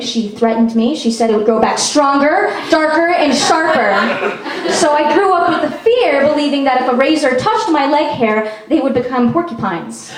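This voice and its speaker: A young Peruvian woman performs a chatty, self-mocking stand-up set at a small venue, often saying "um". Her high voice is recorded from afar on a distant mic, with the room echoing.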